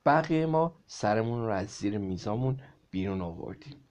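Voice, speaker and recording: A man reading a children's story aloud to a child in a lively way, stopping to explain words. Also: fairly low pitch.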